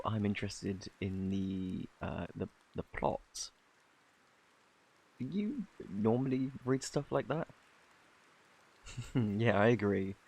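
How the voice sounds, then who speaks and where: A man with a British accent playing a flirty, bashful, kindly Cupid in an intimate ASMR romance roleplay, softly spoken, stammering and flustered. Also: lowish voice, gravelly, slightly rough, full character voice. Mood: playful. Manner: flustered, stammering, halting, apologetic.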